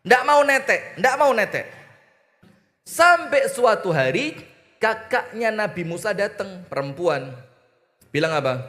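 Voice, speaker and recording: A man's voice: sits high, sing-song, measured pace, pauses often, sharp tone. A man with an East Javanese accent preaching a humorous sermon, teasing his audience and mimicking voices. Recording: reverberant hall.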